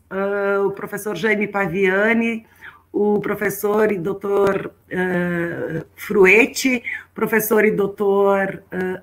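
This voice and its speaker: A woman's voice: medium pitch, fairly bright tone, poor audio. Woman moderating a live online panel. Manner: formal welcoming address with hesitant fillers.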